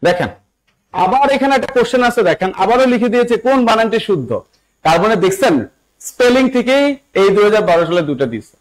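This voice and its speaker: High-voiced Bangladeshi man teaching spelling. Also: lively intonation, fast talker, poor audio. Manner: repetitive, coaxing, keeps checking understanding. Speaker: English teacher for job exams. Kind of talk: live online spelling lesson.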